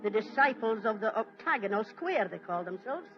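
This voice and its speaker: An actress voicing a homely, caring Scottish landlady in a 1940s radio play, talking briskly and motherly, with a Scottish accent. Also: a little high, animated, close to an everyday voice. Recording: dull lo-fi old radio recording with faint hiss.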